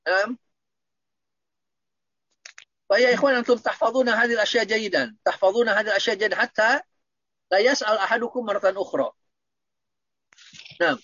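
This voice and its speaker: A man's voice: high-pitched, very fast, long pauses, pushed and bright, no echo, highs cut off. A man teaching Arabic grammar online, patiently repeating points and quizzing his students.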